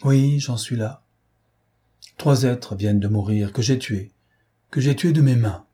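A man voicing a weary, remorseful gentleman thief in an audiobook, speaking gravely and sorrowfully. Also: mid-range voice, a little slow. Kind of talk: audiobook character voice.

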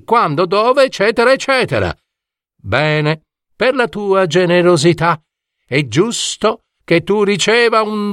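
A man's voice: high-pitched, a bit bright, dry recording, clean studio sound, pitched above the performer's own voice, heavily acted. A man voicing a chatty, know-it-all male talking dormouse in a fairy tale he reads aloud, speaking eagerly and proudly. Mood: solemn. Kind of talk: storybook reading.

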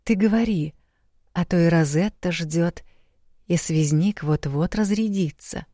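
A woman reading an audiobook, voicing a tender young prince who speaks softly and murmurs. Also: lowish voice, a little slow, no echo, studio quality.

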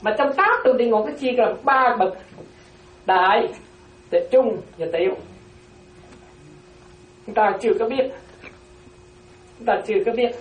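With an unhurried pace and frequent pauses, a nun teaches a Buddhist dharma class in a voice that's a little high. She repeats important phrases and checks again and again whether listeners follow, in lo-fi, roomy audio captured from a distant mic.

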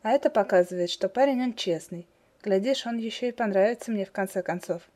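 A woman's voice: mid-range voice, brisk, dark tone, lightly acted. A woman voicing a dry, good-humoured young man. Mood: wry. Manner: dry, wry.

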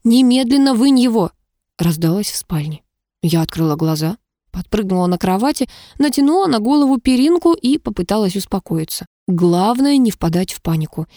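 A woman narrating a first-person audiobook in a wry, lively storytelling manner. Her voice is mellow and dark, recorded on a close mic that sounds dry, with no room around it. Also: mid-range voice, a little fast, dry recording.

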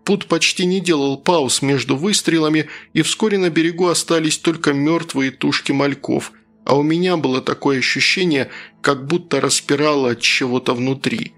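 Guy reading an audiobook, steady gravelly voice, a little music under it. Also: on the high side, normal speed. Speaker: audiobook narrator. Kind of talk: first-person audiobook narration.

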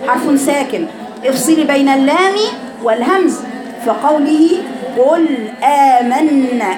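A woman with an Egyptian accent teaching Quran recitation, correcting students and drawing sounds out slowly to demonstrate. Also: high-pitched. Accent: Egyptian Arabic. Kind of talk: online recitation class.

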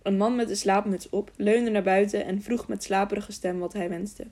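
A woman's voice: mid-range voice, fairly even intonation, moderate pace, a little mellow. A woman narrating an audiobook. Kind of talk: scripted narration.

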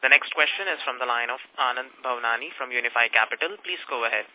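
A man's voice: mid-range voice, fast. A man working as the conference call operator, making polite, formal announcements over the call line. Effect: conference call phone line.

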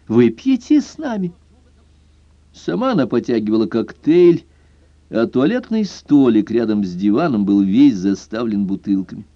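A man reading a first-person detective novel aloud in a lively, expressive way, in a dull lo-fi recording. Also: lowish voice, moderate pace, dry recording. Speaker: audiobook narrator. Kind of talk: scripted first-person narration.

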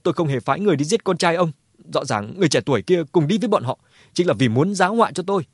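A man voicing a cornered, scheming clan head who shouts denials and threats. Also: a little high, expressive, rapid-fire, slightly rough, dry recording, clean studio sound, voice pushed up. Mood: desperate threatening. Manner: shouting, blustering.

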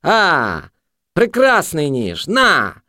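Male reader voicing a young street junkie, shrill and mocking, yelled taunts. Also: huge pitch swings, drawn-out words, no echo, clean studio sound, exaggerated voice. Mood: taunting.

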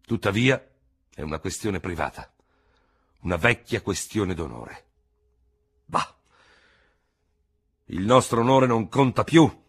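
A man voicing a proud, embittered old male cavalry general who blusters and speaks dogmatically, in a husky voice. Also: sits low, lively intonation, a little slow, pauses often, fairly bright tone, full character voice. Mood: indignant.

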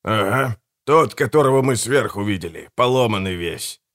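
A man's voice: on the low side, lively intonation, normal speed, fairly bright tone. A man voicing a greedy, quarrelsome bandit brother who snaps and swears. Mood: sneering.

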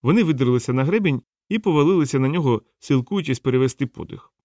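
A man reads a novel aloud as an audiobook narrator in a measured, storytelling way. His voice sits at a middle pitch. The recording is dry, with no room sound. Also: lively intonation, darkish tone, dry recording.

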